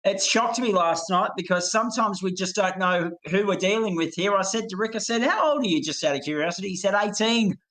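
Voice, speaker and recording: A man's voice: sits high, brisk, hardly any pauses, fairly bright tone, rough recording. A man calling a sim race live, enthusiastic and florid, handing over to his co-commentators.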